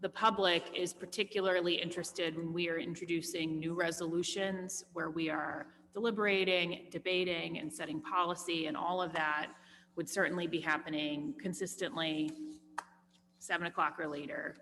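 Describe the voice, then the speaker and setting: A woman on a school committee speaking formally and in a measured way at a public meeting. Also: on the low side, steady tone. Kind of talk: meeting discussion. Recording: long reverb, faint hum.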